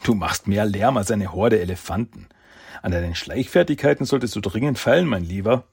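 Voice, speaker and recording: A man voicing a calm young ninja who is a protective older brother, speaking gently and steadily. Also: on the low side, a little fast, creaky, breathy edge, full character voice. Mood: teasing.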